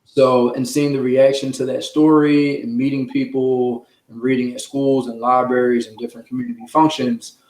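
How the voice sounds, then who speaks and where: An American children's author and sports journalist answers interview questions as a guest, speaking in a medium-pitched, slightly mellow voice at normal speed with a level tone and hardly any pauses. He is conversational, earnest and explanatory, and the room sounds echoey.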